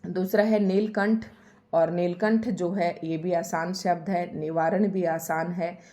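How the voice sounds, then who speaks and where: A woman's voice: on the low side, fairly even intonation, measured pace, dark tone. A woman teaching a Hindi spelling lesson for exam preparation. She explains patiently and says each word again and again to stress how it is spelled.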